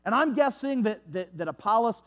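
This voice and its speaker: A male pastor preaching a storytelling sermon, animated and conversational, with frequent asides to the congregation. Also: high voice, brisk. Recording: dull lo-fi sound.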